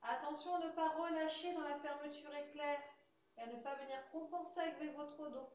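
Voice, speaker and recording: A woman with a French accent, a Pilates instructor calmly guiding a class through exercises and breathing cues. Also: high voice, normal speed. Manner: calm, coaching cues with breath counts. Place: fitness studio. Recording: very echoey studio, slightly dull sound.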